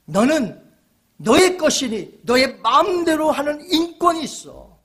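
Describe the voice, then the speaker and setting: A man's voice: extremely high pitch, sing-song, measured pace, a bit bright, pitched above the performer's own voice, full character voice. A man putting on a coaxing tempter devil. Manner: wheedling, insistent. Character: tempting devil whispering to believers, smug and coaxing.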